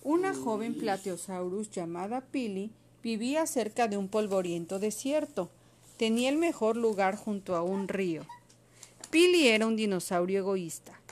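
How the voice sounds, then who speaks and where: A woman reading a children's storybook aloud to a child, expressive and patient. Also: mid-range voice, normal speed, slight background noise.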